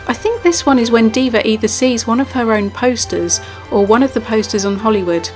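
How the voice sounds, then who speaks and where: A woman's voice: on the high side, fairly quick, darkish tone. A woman giving a scripted narration for a video game feature. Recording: music behind. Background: background music.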